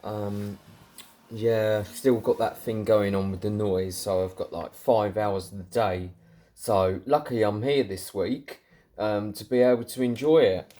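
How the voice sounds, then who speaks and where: Warm and fairly low, this man's voice stays steady and a little slow. He's a southern English CB radio enthusiast vlogging on the fly, chatty and loaded with informal British slang.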